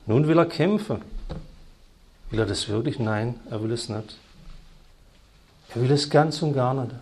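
Slow, emphatic German preacher man. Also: mid-range voice, husky. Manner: emphatic, repeats phrases, swings between loud and hushed. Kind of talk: sermon.

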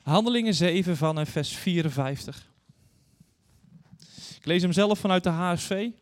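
A guest preacher in his thirties or forties speaks at a normal speed in a voice a touch higher than most men's, delivering an earnest sermon that moves between scripture and personal stories. He addresses the congregation directly, and his words ring out with a long reverb trail through the large church hall.

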